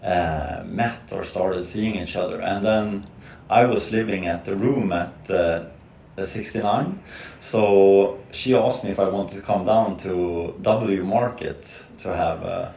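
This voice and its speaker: A man's voice: sits low, slow, vocal fry, mellow. A man from Sweden, a nervous, hesitant podcast guest who uses many fillers, speaking over a video call. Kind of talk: casual conversational interview. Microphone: video call camera. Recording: echoey room with faint noise.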